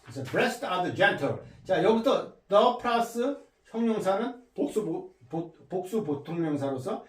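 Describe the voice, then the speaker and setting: A man teaching English through Bible verses in a lecture, slowly explaining words and repeating them to drill pronunciation. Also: sits high, very animated, reverberant, far from the mic.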